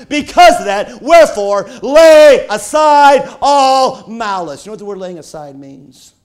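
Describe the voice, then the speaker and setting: A middle-aged man preaching a sermon, telling a personal story with folksy, dramatic swings from shouts to hushed tones. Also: high-pitched.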